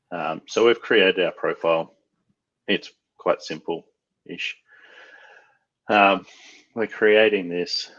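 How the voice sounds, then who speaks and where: An Australian IT trainer casually walks through a device setup in a screen-share tutorial, thinking aloud with frequent fillers. His voice is rumbling and low yet a bit bright, and the audio sounds dull.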